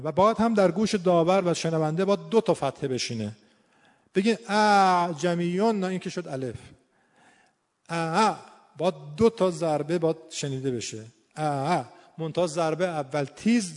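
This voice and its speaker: A man teaching Quran recitation rules, explaining how errors are scored and slowly demonstrating each sound. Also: on the high side, expressive, a little mellow. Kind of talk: tajwid lesson on scoring recitation. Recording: long hall reverb.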